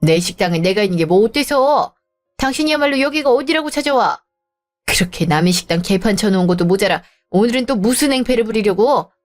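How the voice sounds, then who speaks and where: A woman voicing a proud, sharp-tongued middle-aged restaurant owner who scolds coldly, with faint music behind. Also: fairly high pitch, expressive, fairly quick, close to an everyday voice. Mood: indignant. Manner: cold, scolding.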